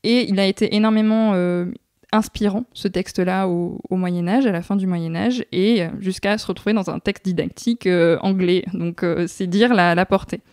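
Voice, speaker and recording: Young woman explaining, mellow and dry. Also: mid-range voice, steady tone, moderate pace, no echo. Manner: thoughtful, frequent hesitations. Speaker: guest researcher. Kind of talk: explanatory interview answers.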